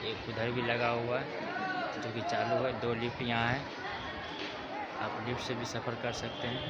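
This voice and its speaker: A travel vlogger, a man in his 20s, explains things repetitively to his viewers as he moves around outdoor railway platforms and footbridges. His voice is medium in pitch. The phone, held at arm's length, picks up heavy background noise and loud music.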